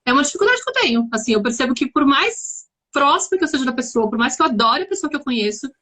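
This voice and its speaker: Reflective São Paulo woman, slightly high voice. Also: very animated, fast, bright, forceful tone. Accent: São Paulo Brazilian Portuguese. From São Paulo, Brazil. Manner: reflective, searching for words with many restarts. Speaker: guest. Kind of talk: casual conversation.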